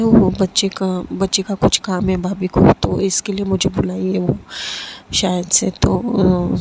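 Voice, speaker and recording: A woman's voice: medium pitch, creaky. A woman casually telling a serialized love story, lightly voicing the characters in her own voice, with frequent fillers and restarts. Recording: steady background noise.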